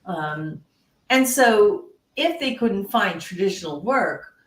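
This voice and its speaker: A chatty woman hosts a podcast, her voice at an ordinary middle pitch. She talks in an animated way, with playful asides, and the recording carries a roomy echo. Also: slow. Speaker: podcast host. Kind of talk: casual interview talk.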